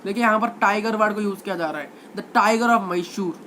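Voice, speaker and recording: A man's voice: sits high, fairly quick, pushed and bright, slight background noise. A male teacher giving a history lecture, constantly asking questions and answering them himself, repeating key words for emphasis.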